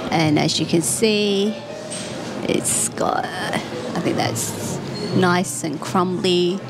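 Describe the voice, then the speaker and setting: Chatty woman reviewing food over loud music. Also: on the low side, gravelly. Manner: chatty, descriptive, tasting as she talks. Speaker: food vlogger. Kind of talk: casual food review narration. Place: restaurant dining room. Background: background music and clinking dishes.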